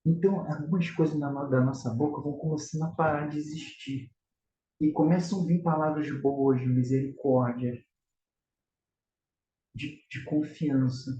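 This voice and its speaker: This religious lesson on prayer comes from a man from Rio de Janeiro speaking with a Carioca accent, earnest and exhorting as he calls his audience brothers. His voice is on the high side and mellow, with fairly even intonation at a moderate pace; the echoey, slightly dull recording has a little hiss or hum.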